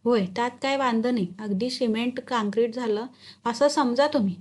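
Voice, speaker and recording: A woman's voice: a little high, moderate pace, darkish tone, lightly acted. A woman reading a story, voicing a brash, scheming village man who talks bluntly in rustic dialect. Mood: blunt, pushy. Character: brash scheming rural male crony, loud.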